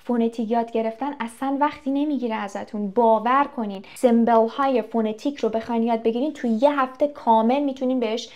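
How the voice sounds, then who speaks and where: A woman's voice: fairly high pitch, fairly even intonation, hardly any pauses, darkish tone. A young woman teaching English in a casual video lesson. She talks straight to the viewers, asks them questions and acts out little anecdotes.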